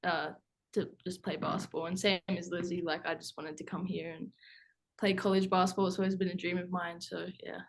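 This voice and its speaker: A woman's voice: on the low side, little pitch movement, fairly quick, creaky, poor audio. A young woman from Tasmania with a Tasmanian Australian accent, answering casually as a college athlete on a video call. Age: young adult. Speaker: college basketball player. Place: indoor team room, video call.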